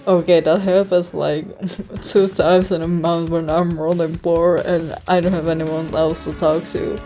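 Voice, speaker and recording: A young woman with a Czech accent rambles casually to her viewers, keeping her voice down at home. She is awkward and self-conscious, speaking very slowly in a soft, mellow tone, with faint music behind her. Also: fairly low pitch, level tone. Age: young adult. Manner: keeping voice hushed so as not to be heard in the house. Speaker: online video creator. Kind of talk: casual rambling vlog chat.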